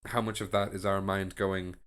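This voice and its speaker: A man's voice: low-pitched, little pitch movement, moderate pace, a bit bright. A man hosting a casual podcast, musing aloud in a rambling, speculative way with frequent restarts and fillers. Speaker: podcast host. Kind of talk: casual chat.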